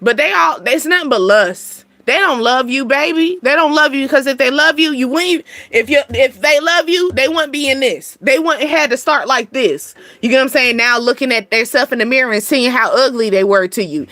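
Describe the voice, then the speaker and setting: Woman host, casual spiritual card reader; high, sharp voice, blunt playful slang, dry close sound. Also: moderate pace, hardly any pauses, no echo. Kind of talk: casual card reading to viewers.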